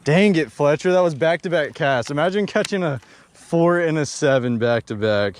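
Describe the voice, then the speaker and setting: Excitable young man fishing outdoors. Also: a little high, normal speed, slight background noise. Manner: excitable, slangy, bursts into shouts. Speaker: fishing vlogger. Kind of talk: excited outdoor vlog commentary. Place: outdoors at a pond bank.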